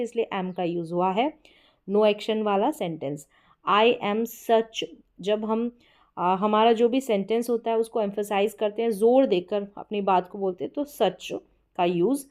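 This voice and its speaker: Slow, deliberate woman teaching grammar. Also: medium pitch, a little mellow. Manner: slow and deliberate, reads English lines very slowly then translates. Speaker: English teacher. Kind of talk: explaining English grammar from a story.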